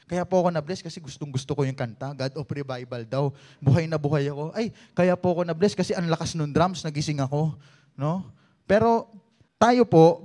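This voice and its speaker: A man's voice: a little high, a little mellow. A young man with a Filipino accent preaching a Sunday sermon in a chatty way, often asking "no?" and prompting the congregation.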